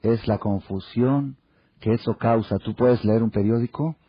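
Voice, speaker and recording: A man's voice: mid-range voice, husky, dry recording. A man giving a Torah class as a rabbi, telling stories with rhetorical questions and acted-out quotes. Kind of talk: Torah class with humorous anecdotes. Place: lecture hall. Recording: dull lo-fi archive tape.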